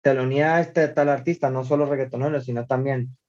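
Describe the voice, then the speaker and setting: A man, a guest singer, chatting casually on a podcast and telling stories about himself in a relaxed, self-deprecating way. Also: mid-range voice, fast talker, lo-fi sound.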